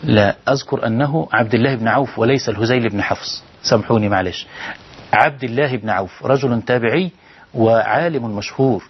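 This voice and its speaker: A man's voice: mid-range voice, brisk, breathy edge, dull audio. A man with an Egyptian accent preaching on a televised call-in show, pleading and firing rhetorical questions at his listeners. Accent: Egyptian Arabic. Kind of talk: televised sermon with callers.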